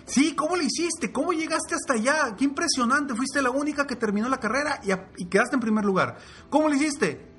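A man voicing eager storybook animal reporters asking excited questions. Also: extremely high pitch, brisk, faint music behind, pitched above the performer's own voice, full character voice. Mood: amazed, eager.

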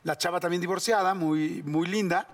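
A man's voice: high voice, steady tone, normal speed. A man in casual chat, telling a painful personal story earnestly and reflectively.

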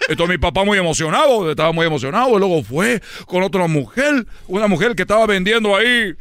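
A man's voice: high-pitched, lively intonation, fast talker, a bit bright, clean tone, no room sound. A man telling a comedy story in a rambling way, repeating himself and slipping into voices.

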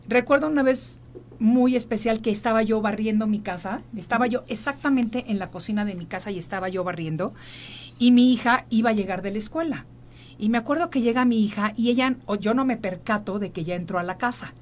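A woman's voice: fairly high pitch, a little mellow. A middle-aged woman, hosting an emotional interview and telling a personal story in an earnest, reflective way. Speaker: host.

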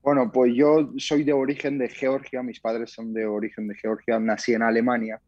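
A young man from Spain, a guest fighter answering interview questions in a calm, modest way. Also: medium pitch, normal speed, dry recording, highs cut off.

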